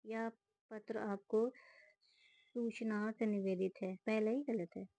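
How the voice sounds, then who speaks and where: Woman briskly checking exam answers aloud. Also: mid-range voice, warm tone, no room sound, low-quality recording. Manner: reads options aloud, then quick verdicts. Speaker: student solving a test series. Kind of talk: casual spoken walkthrough of exam answers.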